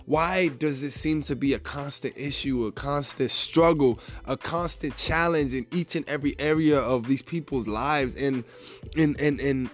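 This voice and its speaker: A man hosting a faith podcast, upbeat and casual, often saying "man" and "y'all", with a stuffy, slightly raspy voice. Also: mid-range voice, a little slow. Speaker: podcast host.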